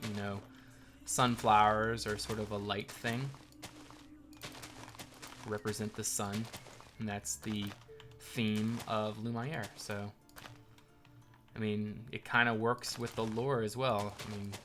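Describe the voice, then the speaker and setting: A man with a bright, forceful voice hosts a live stream, thanking new followers and rambling through viewer questions. His relaxed talk drifts from topic to topic, with faint game music playing under it. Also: on the low side. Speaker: livestream host building in a game. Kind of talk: casual live commentary reading chat. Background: faint game soundtrack music.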